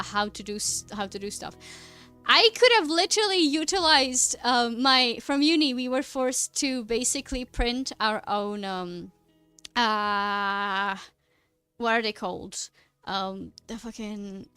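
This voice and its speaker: Her voice fairly high, sharp and clean, a young artist streamer from the Czech Republic talks casually as she draws. She's a native Czech speaker who rambles, laughs often and hunts for the right word.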